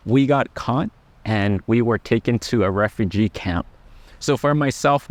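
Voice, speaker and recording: A middle-aged man who is a Buddhist monk, talking gently and earnestly to camera about life lessons, with frequent pauses. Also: lowish voice, no room sound. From Laos. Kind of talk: personal reflective talk to camera.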